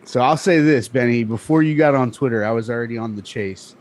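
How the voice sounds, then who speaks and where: A man's voice: mid-range voice, brisk, a little mellow. A man co-hosting a casual livestream, chatty and upbeat as he talks about his hobby. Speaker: co-host, card breaker.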